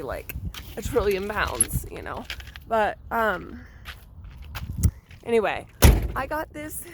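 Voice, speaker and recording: A woman vlogger, hoarse and raspy from seasonal laryngitis, chatting casually outdoors beside her car with a self-joking manner and many fillers. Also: mid-range voice, background noise. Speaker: real estate vlogger. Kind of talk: casual vlog talk.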